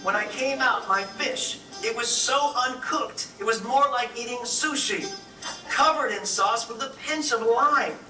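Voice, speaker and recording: A man tells a rhyming story with a wry touch. His voice is very high and unhurried. It is heard from a distance in an echoey room, with music underneath. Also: bright, forceful tone. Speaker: narrator.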